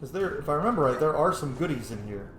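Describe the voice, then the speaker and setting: With an animated, fast delivery and a fairly bright voice on the high side, a man hosting a gaming video offers rambling, opinionated, casual gameplay commentary, swearing now and then. The audio carries roomy echo and faint background noise.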